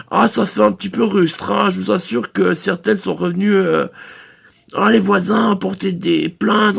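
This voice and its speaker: A man's voice: high-pitched, vocal fry, breathy edge. A man performing a comic phone-sketch monologue as a sex-shop receptionist, rambling through crude sales patter full of hesitations.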